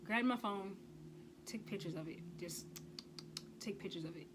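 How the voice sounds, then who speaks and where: Over a very noisy recording, a woman vlogger with a medium-pitched voice talks at normal speed. She shares a personal story in a blunt, emphatic way, cursing freely and often pressing her points with "okay?"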